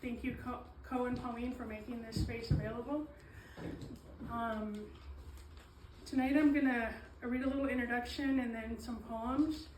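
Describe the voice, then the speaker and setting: A woman giving a slow, earnest reading of her own poetry, pausing often with ums and apologies. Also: fairly high pitch, steady tone, background noise. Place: small event space, indoors. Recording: echoey room, mic at a distance.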